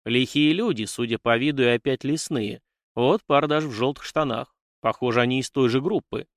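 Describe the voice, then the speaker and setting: A man's voice: mid-range voice, a little fast, no echo, studio quality, close to an everyday voice. A man voicing a burly, blunt guard in an audiobook, talking in a hearty, blustering way. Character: burly blunt male guard, club in hand.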